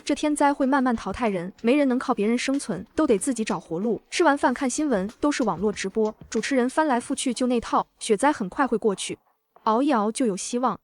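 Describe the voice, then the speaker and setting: Woman voicing a young heroine, cold and calm, slightly high, vengeful first-person narrator. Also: fairly quick, close to an everyday voice. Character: cool-headed reborn young woman, vengeful. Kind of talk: dramatic audio narration.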